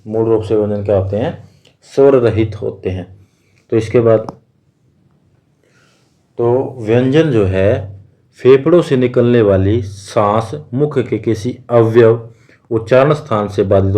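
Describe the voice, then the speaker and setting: A man's voice: medium pitch, dark tone. A man teaching an exam-prep grammar lesson, asking questions and answering them himself, repeating each key point.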